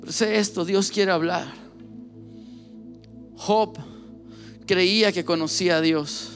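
High-voiced man preaching passionately. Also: takes it slowly, a bit bright, faint music behind. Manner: passionate, direct, repeats phrases for emphasis. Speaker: pastor. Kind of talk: sermon.

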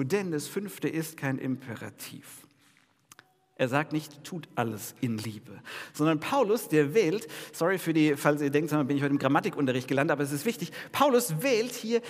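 In a large, echoing room, a male pastor with a fairly high voice preaches a New Year sermon. His delivery is energetic and conversational, and he keeps asking the congregation questions.

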